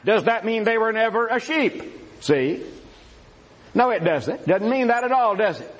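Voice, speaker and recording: A man's voice: sits high, expressive, a little slow, lo-fi sound. A man in a religious debate, rebutting his opponent directly and citing scripture by chapter and verse. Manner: argumentative, addresses opponent directly.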